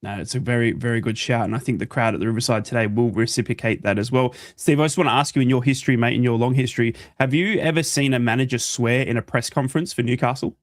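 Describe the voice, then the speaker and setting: A North East English man talking football on a podcast in a chatty, animated way. His voice sits at a middle pitch and the sound is dry and close. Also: fast talker, hardly any pauses, no echo. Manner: chatty, animated, addresses the others as mate. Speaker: podcast co-host. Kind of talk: casual football chat.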